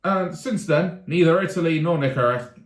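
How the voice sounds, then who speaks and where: A man's voice: fairly high pitch, normal speed. A young man chatting casually about sports, rambling with restarts and asides. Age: young adult. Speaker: sports vlogger. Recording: roomy echo.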